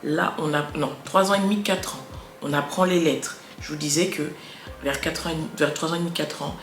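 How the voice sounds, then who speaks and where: A woman's voice: sits low, steady tone, brisk, gravelly, faint music behind. A mother chatting to camera with parenting tips, correcting herself as she goes and articulating with emphasis. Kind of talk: casual chat to camera. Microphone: wireless earbud. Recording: echoey room, faint background noise.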